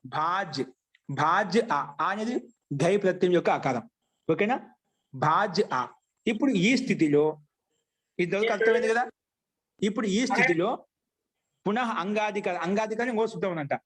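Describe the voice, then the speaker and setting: A man giving a grammar lesson, asking questions and answering them himself, and slowly chanting rules. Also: high voice, lively intonation, fairly bright tone, breathy edge. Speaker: Sanskrit grammar teacher. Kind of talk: classroom lecture.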